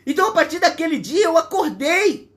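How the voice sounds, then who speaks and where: Brazilian pastor, man in his sixties, notably high voice, emphatic and repetitive live sermon from home. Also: sing-song, brisk, fairly bright tone. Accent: Brazilian Portuguese. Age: 60s. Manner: earnest, repetitive, emphatic preaching. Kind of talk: livestreamed sermon.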